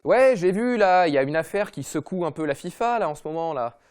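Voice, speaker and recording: Fast-ranting mocking man. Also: high voice, expressive, a little mellow, clean tone, faint music behind. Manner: mocking, slangy, rapid-fire. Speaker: comedy football podcast host. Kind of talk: fast comic rant.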